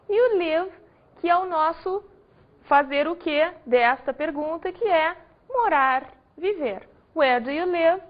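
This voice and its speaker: A woman from Brazil teaches English grammar to a class in a high, light voice. She explains patiently and leans on each example word. The recording sounds dull and lo-fi.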